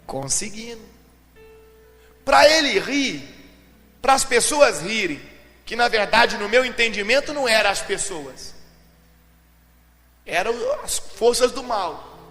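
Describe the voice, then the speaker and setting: A man preaching a sermon as pastor, dramatic, moving between shouted lines and low, intense speech. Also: very animated, takes it slowly, pauses often. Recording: long hall reverb with faint music.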